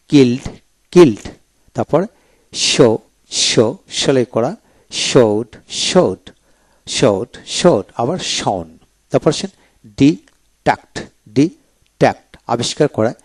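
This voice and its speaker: A man teaching English verbs with a Bangladeshi accent, repeating each word slowly for his students. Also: mid-range voice, a little mellow, no room sound. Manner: slow, repetitive word-by-word drilling. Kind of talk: pronunciation drill lesson.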